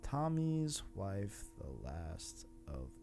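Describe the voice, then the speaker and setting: Music plays underneath this podcast host as he chats casually about video games in a low, dark voice. His pitch swoops wildly and he talks very slowly, full of slang and enthusiasm, often saying things twice to drive them home.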